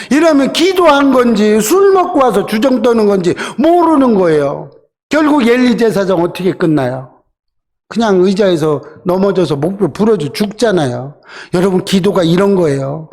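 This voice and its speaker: Male pastor, higher voice, conversational sermon that leans on rhetorical questions and little acted asides. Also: a little mellow. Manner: acts out quoted voices in short dramatized asides.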